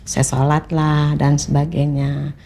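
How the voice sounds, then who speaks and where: Mellow-voiced woman telling a lively story. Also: sits low, takes it slowly, creaky. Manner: acts out dialogue with lively voices, laughs often. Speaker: podcast guest, English teacher. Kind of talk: animated storytelling in conversation.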